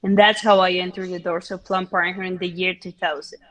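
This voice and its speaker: A woman's voice: lowish voice, little pitch movement, fairly quick, a bit bright. A native Spanish-speaking woman from Mexico with an immigrant's Mexican accent, telling her story conversationally as an interview guest and often checking for agreement with short tag questions. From Mexico City, Mexico. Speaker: interview guest giving testimony.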